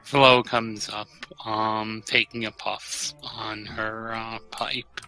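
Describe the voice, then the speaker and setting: A player slowly describing their character arriving, with many pauses. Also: medium pitch, level tone, over music, poor audio.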